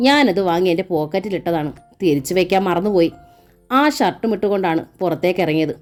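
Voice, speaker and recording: A woman voicing a young man who speaks quietly and holds back his grief. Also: on the low side, lively intonation, quick pace, soft background music, lightly acted. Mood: guarded. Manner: quiet, restrained speech. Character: young man shielding his family, grieving.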